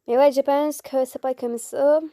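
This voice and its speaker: Woman, high voice, dry close sound, casual game commentary, swears, mock-formal. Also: fairly even intonation, a little slow, warm tone, no echo. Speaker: gameplay video host.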